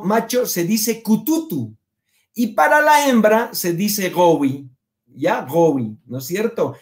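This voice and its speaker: A man teaching an online Quechua lesson in Spanish. He speaks patiently, says each Quechua word slowly, translates it, and keeps checking that the class follows. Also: high voice. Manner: patient, repeats words and checks understanding with "¿ya?"; pronounces Quechua words slowly, then translates.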